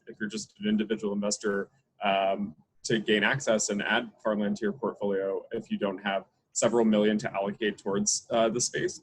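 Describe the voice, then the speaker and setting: A man from New York, a guest on a podcast, explaining clearly with occasional repeated words. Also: lowish voice, slight background noise, poor audio. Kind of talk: interview answers.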